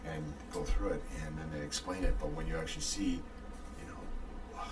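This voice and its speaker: A man's voice: rumbling low, steady tone, normal speed, far from the mic, noisy background. A man, a war reenactor guest, patiently explaining history and giving hints in a casual chat. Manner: patient, gives hints, chuckles often.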